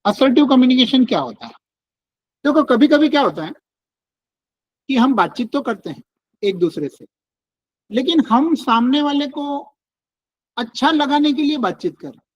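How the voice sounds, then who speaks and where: A man's voice: very high-pitched, lively intonation, normal speed, long pauses, muffled recording. A man leading a relationship workshop. He explains things casually and keeps saying "look" and "okay". He uses everyday husband-and-wife examples, in an online session. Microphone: online session with screen sharing.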